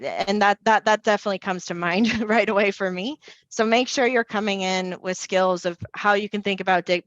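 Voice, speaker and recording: A woman speaking as a panelist in an online panel discussion, talking fast with energy and frequent restarts. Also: on the low side, fairly bright tone, dry recording, highs cut off. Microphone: video call.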